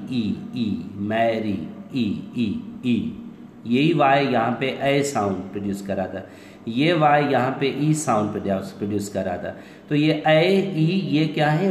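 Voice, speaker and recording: A man teaching an online English class, explaining step by step and asking questions he answers himself, slowing down to stretch out English phrases. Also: on the high side. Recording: roomy echo with long reverb, faint noise.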